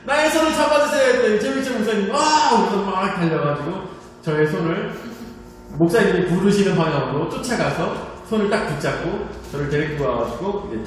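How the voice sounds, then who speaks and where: A man preaching with a fairly high voice, telling a personal story with animated energy. He is recorded from a distance in a large, very echoey church hall, with a faint hum underneath. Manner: animated storytelling, laughing at himself, shouting quoted lines. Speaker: pastor.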